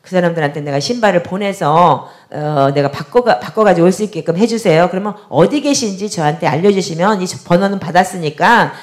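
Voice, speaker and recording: A middle-aged woman pastor tells a story from her pulpit during a prayer service testimony, voicing the other characters as she goes. Her voice is on the low side, and she speaks a little fast with few pauses.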